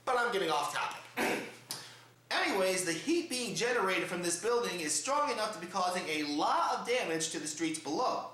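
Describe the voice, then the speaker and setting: He's a comedic news host with a theatrical, exaggerated showman style, talking to camera. The voice is high-pitched, expressive, bright and forceful at a normal speed, captured in a roomy home recording with lots of echo.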